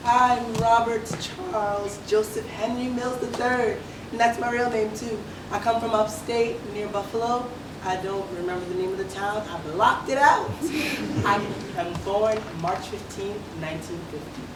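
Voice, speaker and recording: A woman's voice: medium pitch, normal speed, natural voice. Girl doing a wry campy dancer guy, echoey stage, noisy. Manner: wry, theatrical. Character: campy, self-mocking young male dancer. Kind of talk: stage musical acting. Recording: echoey stage, distant mic, hum behind.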